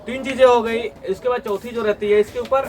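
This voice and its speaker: A man's voice: extremely high pitch, steady tone, fairly quick, distant mic, crowd noise. Man teaching a class. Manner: asks students questions and has them answer back. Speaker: tuition teacher. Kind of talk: classroom lecture with questions to students. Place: small classroom with students. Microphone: phone recording the class.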